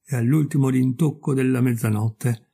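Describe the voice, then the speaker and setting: A man reading a fairy tale aloud in calm, measured, expressive storybook narration. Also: medium pitch, gravelly, husky. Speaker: audiobook reader.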